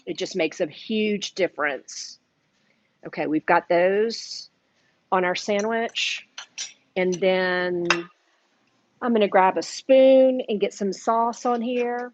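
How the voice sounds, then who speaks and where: A woman's voice: medium pitch, slow pace, lo-fi sound. A woman hosting a live cooking demonstration in a shop kitchen, chatty and eating while she talks. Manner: chatty, eats and talks at once. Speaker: cooking class host. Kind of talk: casual live cooking demo.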